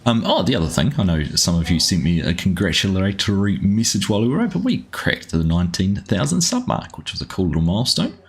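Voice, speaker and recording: A fast-talking New Zealand gaming livestreamer with a New Zealand accent speaks in a low, slightly rough voice, very animated and hardly pausing. He rambles casually with his live-stream viewers while playing a farming game, greeting them by name.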